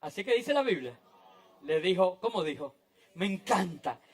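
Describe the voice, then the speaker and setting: A man preaching a sermon in a church, dramatic, swinging between loud outbursts and hushed, near-whispered lines. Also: high-pitched, big pitch swings, normal speed. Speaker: pastor.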